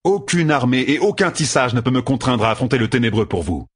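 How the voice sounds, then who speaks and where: A man voicing a stubborn, resolute young male hero in an audiobook, making firm, measured declarations in a husky voice. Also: mid-range voice, big pitch swings, no echo, clean studio sound, pitched above the performer's own voice.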